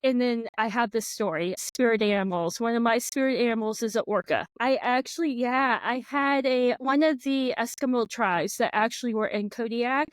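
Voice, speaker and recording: Chatty and filling her speech with "like" and "yeah," this Floridian woman hosts a relaxed podcast conversation. She talks at normal speed with hardly any pauses, her somewhat high voice clean in a dry recording.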